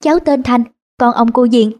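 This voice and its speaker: A woman's voice: a little high, normal speed, warm tone, natural voice. A woman voicing a cheerful young male driver, eager and boastful.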